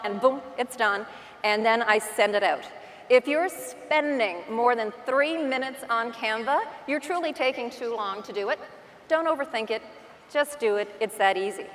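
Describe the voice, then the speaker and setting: This conference speaker, a real estate agent from Newfoundland by her accent, has a fairly high, fairly bright voice. She offers an informal, self-deprecating motivational talk built on stories with acted-out asides, recorded from the stage with long reverb in a large indoor hall.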